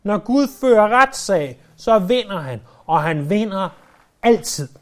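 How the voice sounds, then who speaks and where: A man with a high voice delivers a sermon. He tells the story vividly and drags out the words he wants to land, drawing the congregation into the account. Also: expressive. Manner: vivid storytelling, slowing down to stress key words. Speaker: preacher.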